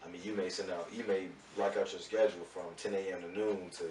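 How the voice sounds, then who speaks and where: A man who manages music artists, talking in a rambling, relaxed way full of fillers during a casual radio interview. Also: deep voice, quick pace. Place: radio studio. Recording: roomy distant mic with faint noise.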